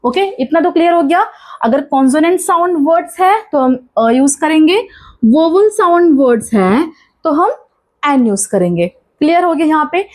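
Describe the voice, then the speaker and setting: A woman with a high voice and an Indian accent leads a classroom-style grammar lesson. She keeps asking questions and answering them herself, repeating the key rules over and over. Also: expressive, moderate pace, a little mellow. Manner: mixes Hindi with English terms. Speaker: English grammar teacher.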